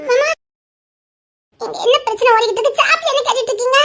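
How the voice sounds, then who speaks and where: A woman's voice: very high voice, quick pace, a bit bright. A woman voicing a frightened young woman in an audio drama, pleading to be believed in a shaky, tearful voice, laughing through sobs. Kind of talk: Tamil serial-style audio drama.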